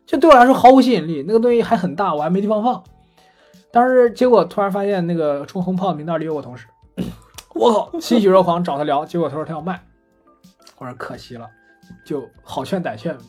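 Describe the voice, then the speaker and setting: Guy rambling through a funny story on a podcast, quick and a bit husky, kinda high voice. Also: faint music behind. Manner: chatty storyteller, animated retelling of anecdotes. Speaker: podcast co-host. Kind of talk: casual chat about gadgets.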